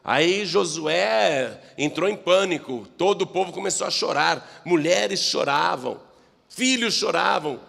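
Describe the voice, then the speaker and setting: Dramatic Brazilian preacher in a reverberant hall. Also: male voice, high voice, animated, unhurried, vocal fry. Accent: Brazilian Portuguese. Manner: dramatic, swinging between loud exhortation and hushed asides. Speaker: pastor. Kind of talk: sermon.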